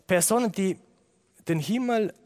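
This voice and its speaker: A man's voice: high-pitched, measured pace, darkish tone. A man preaching a sermon to his congregation, earnest and building his points through repeated phrases. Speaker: pastor.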